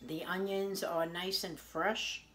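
Speaking slowly in a lowish, fairly bright voice with little pitch movement, a woman in her forties hosts a casual home cooking video. She's chatty and homey, preparing a salad in her kitchen, tasting it and praising it along the way. The camera sits on the counter at arm's length, and there's a little hiss or hum.

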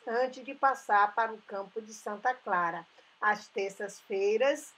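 A woman narrates a travel video voice-over. She speaks slowly and carefully, walking through dates and history with small restarts. Her voice sits a little high and has a breathy, husky edge. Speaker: travel channel host.

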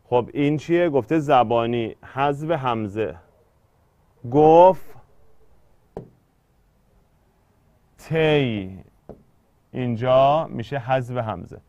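A man's voice: medium pitch, hardly any pauses, darkish tone, no echo. A man teaching an exam-prep poetry lesson, explaining step by step and drawing out syllables when he scans verse.

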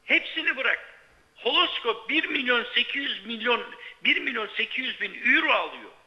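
A man phones in to a live sports show like a radio caller, and the line is dull and band-limited. His voice is high for a man and extremely bright and tense. He argues insistently, repeating each point for emphasis. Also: lively intonation, normal speed. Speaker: sports writer phoning in to a TV sports show. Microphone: telephone.

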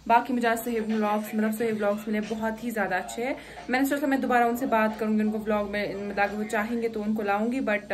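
A woman's voice: medium pitch, slight background noise. A young woman from Kashmir chatting to her phone at arm's length, narrating her day as a vlogger, out on the streets, in a cafe and at home. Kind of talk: casual vlog chat.

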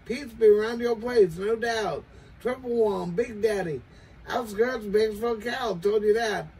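Chanting his sign-offs over and over, an older American CB radio operator calls out with repeated catchphrases, his voice high, a little slow and a little mellow. He speaks into a desk CB microphone in a small, cluttered home radio shack, picked up indoors by a distant camera with some background noise.

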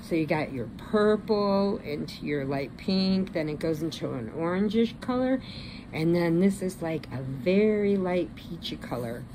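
A woman's voice: lowish voice, expressive, unhurried, noisy background. A woman with an American Midwestern accent chatting casually, telling stories and showing yarn in a crochet vlog. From Illinois, United States. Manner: chatty, laughs through her stories. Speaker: crochet vlogger. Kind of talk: casual storytelling and yarn haul.

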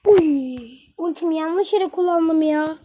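A young woman giving excitable live commentary while playing a mobile game, talking to the characters on screen as she plays. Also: very high-pitched, takes it slowly. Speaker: gaming channel host.

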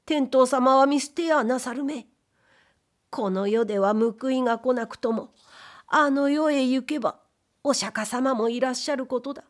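A woman's voice: high voice, moderate pace, pitched above the performer's own voice, close to an everyday voice. A woman reading aloud, voicing a humble, timid male ghost who was once a wastepaper dealer, speaking in polite, plaintive old Edo commoner speech. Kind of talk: audiobook reading of period fiction.

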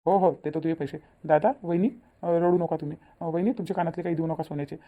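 A man's voice: on the high side, fairly even intonation, quick pace, narrow, tinny audio, natural voice. A man voicing a protective, agitated younger brother and husband.

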